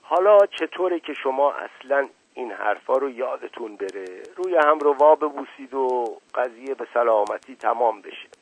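A man's voice: mid-range voice, lively intonation, few pauses, slightly rough, no room sound, pitched above the performer's own voice. A man voicing an older male servant who rambles, hesitates and stammers a pet phrase, in a story reading. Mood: folksy, evasive. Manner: repeats stammering catchphrase, hesitant "ah, ah". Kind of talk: audiobook reading. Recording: tinny lo-fi radio broadcast, dry.

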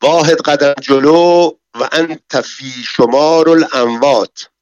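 A man voicing a dazed male bank guard who shouts slow, halting threats in broken Arabic. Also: a little high, lively intonation, dry recording, pitched above the performer's own voice, close to an everyday voice. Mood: threatening. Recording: dull, dry, lo-fi recording.

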